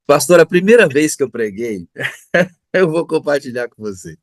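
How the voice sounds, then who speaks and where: A man's voice: a little high, expressive, moderate pace, dry recording. A middle-aged man from Brazil interviewing a pastor in a church setting, effusive and often laughing.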